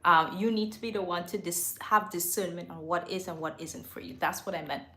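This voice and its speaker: A woman's voice: fairly low pitch, brisk, pushed and bright, a little hiss or hum. A woman hosting a casual face-to-camera livestream from a home studio, chatty, laughing often and correcting herself as she goes. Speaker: livestream host. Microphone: microphone. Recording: roomy echo.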